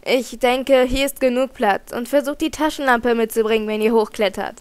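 Woman reader doing a nervous kid explorer, loud and fretful, highish voice. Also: steady tone, moderate pace, smooth, dry recording, natural voice. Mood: urgent.

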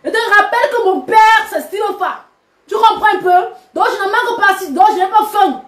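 High-voiced woman scolding viewers. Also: normal speed, a bit bright. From Cameroon. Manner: scolding, combative, mocking. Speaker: social media personality addressing subscribers. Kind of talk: live video rant. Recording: roomy echo.

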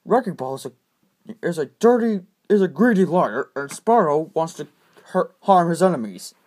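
A performer in a home-made toy story explaining things with halting restarts. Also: mid-range voice, lively intonation, a little mellow.

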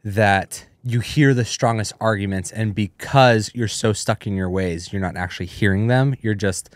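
Low-voiced man co-hosting a chat. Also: normal speed, no echo. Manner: chiming in, laughing, adding his points. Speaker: podcast co-host. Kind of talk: casual conversational chat.

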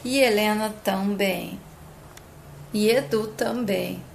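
A woman's voice: medium pitch, slow pace, creaky, a little hiss or hum. A woman on a video channel retelling a soap opera scene in an emotional, breathless way. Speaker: YouTuber recapping a soap opera. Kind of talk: emotional storytelling recap.

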